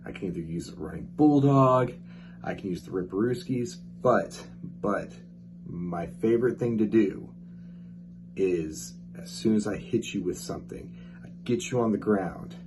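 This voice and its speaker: A man delivering a boastful wrestling promo, building it up step by step as a wrestler. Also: lowish voice. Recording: clear background noise.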